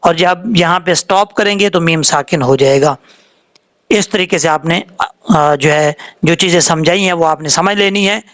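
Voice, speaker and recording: A man teaching Quran recitation rules, explaining calmly and drawing out the words he demonstrates. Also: fairly high pitch. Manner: explains slowly, drawing out Arabic words when showing them. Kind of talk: tajweed lesson with slow demonstrations.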